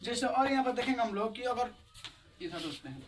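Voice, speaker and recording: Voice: mid-range voice, sing-song, a little fast, a little hiss or hum. An English pronunciation teacher gives an online video lesson. The teacher spells words letter by letter and asks and answers their own questions in a casual, chatty way. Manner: explains step by step in a casual, chatty tone. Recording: voice a little distant from the mic.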